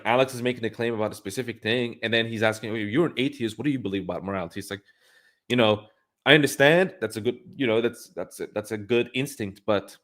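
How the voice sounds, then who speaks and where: A man's voice: fairly low pitch, a bit bright. A man hosting a livestream, giving blunt, opinionated commentary and thinking aloud with frequent restarts. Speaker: livestream host.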